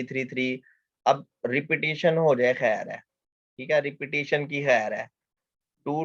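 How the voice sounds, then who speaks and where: A man's voice: medium pitch, dry recording. Male math lecturer, patient and repetitive, answers his own questions; muffled, dry recording. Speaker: mathematics lecturer. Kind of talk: explanatory lecture.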